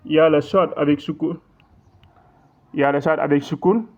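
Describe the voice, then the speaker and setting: A man with a somewhat high voice teaches recitation in an online lesson, repeating points patiently and checking that listeners follow. He recites his examples slowly and with a drawn-out delivery. The audio is thin and tinny, like a phone line. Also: steady tone, a little mellow. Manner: patient, repetitive explaining with frequent check-ins; slow drawn-out recitation in demonstrations.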